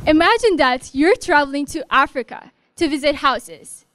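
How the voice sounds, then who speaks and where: A young adult Ethiopian woman, a graduate student with an Ethiopian accent, delivers a memorized elevator pitch for her research. She tells it as a story, vivid and direct, into a handheld microphone. The setting is a large indoor hall with glass walls.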